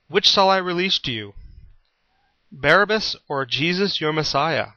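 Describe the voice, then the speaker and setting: A stern Roman governor presses his questions in a raised, higher voice, as a man reading scripture puts him on. He sounds demanding and insistent. The recording is dry and dull. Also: moderate pace, sharp tone, no echo.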